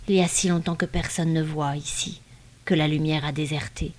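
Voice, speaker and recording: A woman's voice: sits low, fairly even intonation, fairly quick, a little mellow, lightly acted. A woman doing a dying, whining old man. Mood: plaintive.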